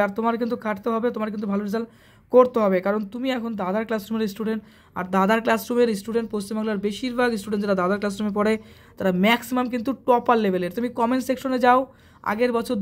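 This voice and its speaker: A man runs an exam revision lesson as an online tutor. He talks at a quick pace, listing page numbers and questions in a brisk, instructive way. He keeps coaxing the students directly. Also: very high voice.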